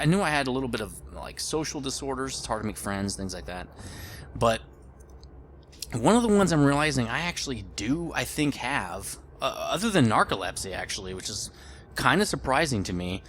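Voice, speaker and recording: A man's voice: medium pitch, fairly bright tone, a little hiss or hum. A man in his late thirties giving casual gameplay commentary, rambling and thinking aloud as he plays. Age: late 30s. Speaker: gaming video host.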